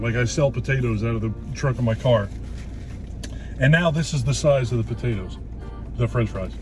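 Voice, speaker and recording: A man rambling casually to a camera in a car, chewing food as he talks, profane and teasing. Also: mid-range voice. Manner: chewing while talking, eating as he speaks. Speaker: vlog host. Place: inside a car.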